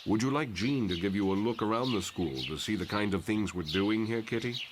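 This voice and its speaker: A man plays a calm comic-book professor with a low voice. He speaks formally and reassuringly, in measured phrases, over clear background noise. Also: lightly acted. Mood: gentle, reassuring. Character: calm, reassuring professor, leader of mutant school. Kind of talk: motion comic voice acting.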